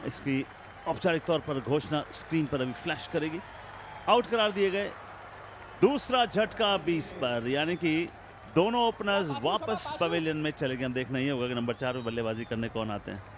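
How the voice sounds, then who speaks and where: Male Hindi cricket commentator, high pitch, theatrical rhyming flourishes, clear outdoor noise behind. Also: expressive, normal speed.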